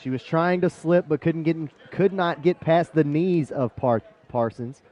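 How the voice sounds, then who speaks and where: High-voiced male fight commentator, dull audio. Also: normal speed. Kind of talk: live MMA sports commentary. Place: live fight event.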